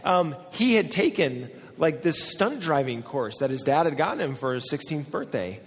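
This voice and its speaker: A man in his forties, a pastor, preaching a sermon and telling personal stories in an animated, self-deprecating way. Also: on the high side, moderate pace. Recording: hall with long reverb.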